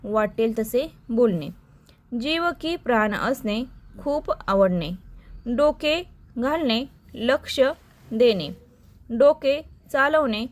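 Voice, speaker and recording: A woman teacher reciting a list of idioms and their meanings in a slow, dictation-like way for exam preparation. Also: a little high, expressive.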